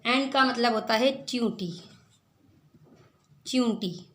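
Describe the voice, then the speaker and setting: Slow, patient woman spelling words aloud. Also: a little high, a bit bright. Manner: checks in with listeners, asking "clear?". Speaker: teacher. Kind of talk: children's vocabulary lesson.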